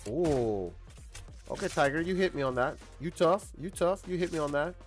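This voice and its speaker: A man streaming a shooter game, commenting casually and shouting when he gets killed. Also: on the high side, fast, faint music behind. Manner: excitable, yelling at sudden kills. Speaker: livestreaming gamer.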